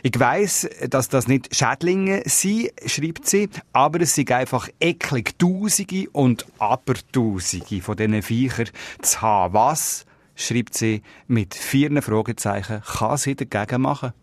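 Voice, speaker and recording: A man's voice: mid-range voice, animated, a little slow, dry recording. A man with a Swiss German accent hosting a radio advice show, reading out listener questions in a chatty, joking manner. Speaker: radio host. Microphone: studio microphone.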